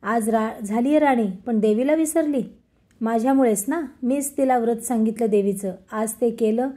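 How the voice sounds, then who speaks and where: A woman's voice: a little high, normal speed, mellow, natural voice. A woman voicing an angry old beggar woman, a goddess in disguise, scolding bitterly in a storybook tale.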